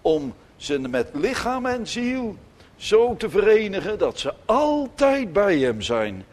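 A man preaching a sermon in church, emphatic, with sudden loud declarations and soft, gentle asides. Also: high-pitched, very animated, slow. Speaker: pastor.

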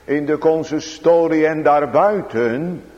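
A man's voice: on the high side, takes it slowly, a little mellow. A man preaching a sermon in a church, speaking solemnly with sudden raised emphatic passages. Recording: dull sound with long hall reverb.

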